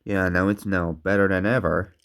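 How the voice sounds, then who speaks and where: A man casually narrating a toy car unboxing in slow, halting, simple phrases, talking with a sore throat and candy in his mouth. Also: sits low, little pitch movement, a bit bright.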